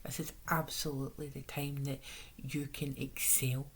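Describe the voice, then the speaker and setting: A Scottish woman speaks in a low voice made hoarse by a sore, swollen-sounding throat. She chats casually as a tarot reader, drifting into little asides. A light background noise sits behind her. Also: flat delivery, normal speed. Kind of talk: casual chatty tarot reading.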